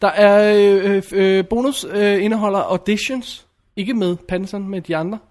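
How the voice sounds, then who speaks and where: Man, high voice, blunt film reviewer, casual chat, opinionated, restarts sentences. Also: fairly even intonation.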